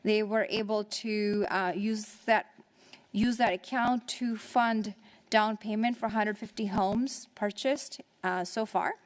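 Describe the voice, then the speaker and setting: A woman presiding over a city council meeting, reporting on her committee work in a halting way with many fillers and restarts, and out of breath. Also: mid-range voice, fairly even intonation.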